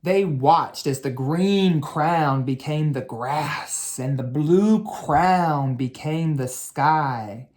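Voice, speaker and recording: A man with a fairly high voice reads a bedtime story aloud to children as an educator. His tone is soft and teaching, and he draws out the important words.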